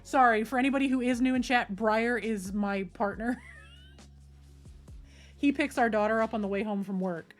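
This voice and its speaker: A woman's voice: a little high, unhurried, pauses often, soft background music. A woman chatting casually to her live-stream viewers from a desk at home, talking straight to them. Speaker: livestreamer. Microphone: desk microphone.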